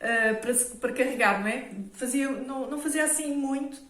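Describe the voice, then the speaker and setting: A woman's voice: sits high, a little fast, fairly bright tone. A woman with a European Portuguese accent who talks casually to her viewers and often checks in with them while showing household products. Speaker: home organisation vlogger. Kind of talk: casual product talk to camera. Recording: roomy echo, mic at a distance, faint noise.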